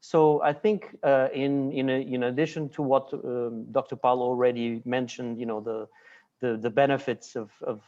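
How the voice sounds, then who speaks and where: A man raised in Portugal speaking on a webinar panel, measured and reflective. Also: mid-range voice, steady tone, darkish tone, dull audio. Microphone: video call.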